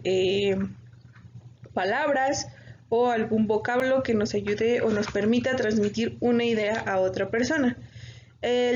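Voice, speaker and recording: A woman's voice: a little high, a little mellow. A woman with a Mexican accent teaching an exam-prep lesson, explaining step by step with frequent fillers and self-corrections. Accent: Mexican Spanish. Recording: dull lo-fi audio with faint noise.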